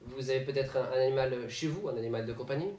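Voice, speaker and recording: A man acting as a mock-formal, deadpan interviewer in a comedy radio sketch. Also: mid-range voice, rapid-fire, echoey room, far from the mic.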